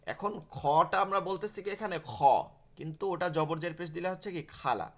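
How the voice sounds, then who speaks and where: Male teacher, fairly high voice, patient step-by-step lecturing for an online class. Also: a little fast, a bit bright. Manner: explanatory, repeats key terms, asks and answers own questions. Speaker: Quran teacher.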